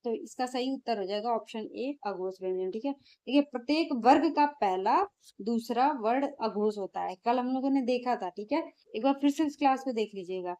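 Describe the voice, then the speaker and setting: A woman's voice: on the high side, normal speed, mellow. A woman teacher, going through exam questions in a lesson and answering her own questions.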